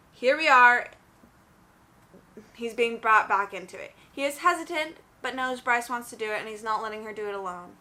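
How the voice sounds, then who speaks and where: Bright-voiced gushing young woman. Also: fairly high pitch. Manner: gushing, chatty, many "like"s. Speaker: book reviewer. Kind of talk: casual book review vlog.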